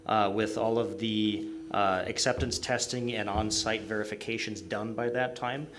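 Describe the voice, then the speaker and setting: A man gives a report at a public meeting. His voice is fairly low, and he explains in measured, technical phrases. Faint room noise sits behind him. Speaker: project staff presenter.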